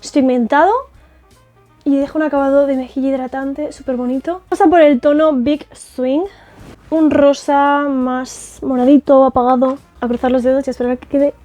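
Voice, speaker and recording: A young woman from Spain, speaking with a Spanish accent, chats effusively to camera while trying on makeup, full of fillers and tag questions. Her voice is high and warm, with a level tone at normal speed. She's a makeup artist reviewing cosmetics in a casual beauty vlog, with faint music in the background.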